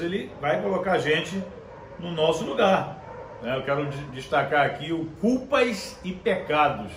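A male preacher delivering a conversational sermon, reading scripture aloud slowly and checking in with his listeners. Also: high voice, slight background noise. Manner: conversational, constant tag questions. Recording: echoey room with faint ambience.

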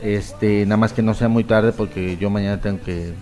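A man's voice: lowish voice, fairly even intonation, normal speed, dark tone, soft background music. A man from Mexico with a Mexican accent, in his thirties, hosting a casual interview in a playful, joking way. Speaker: host.

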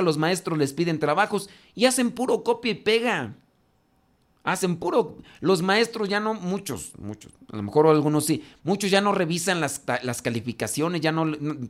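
Mexican priest guy teaching, chatty, bouncy up-and-down voice, teasing scolds. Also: fairly high pitch. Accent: Mexican Spanish. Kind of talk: informal class answering questions.

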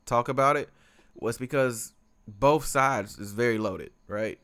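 A man's voice: medium pitch, unhurried, a bit bright, clean tone. A man co-hosting a podcast in casual conversation, rambling with lots of fillers and restarts. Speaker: podcast co-host.

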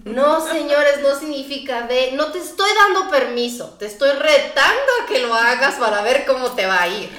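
High-voiced joking Mexican woman host. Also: animated, moderate pace, hardly any pauses, fairly bright tone. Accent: Mexican Spanish. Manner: blunt, joking, swears freely. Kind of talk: casual chat. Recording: echoey room.

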